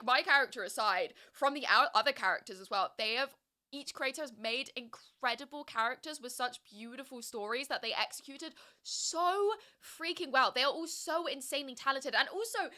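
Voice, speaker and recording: Bright high-voiced young woman streamer. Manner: emotional, gushing, reads chat aloud. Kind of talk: casual live-stream chat. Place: home streaming setup with music playing.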